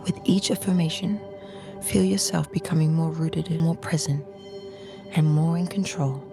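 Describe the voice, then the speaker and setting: Low, soft woman guiding a calm grounding meditation. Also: gravelly, music in the background. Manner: slow, soothing, measured delivery in short phrases. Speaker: meditation guide.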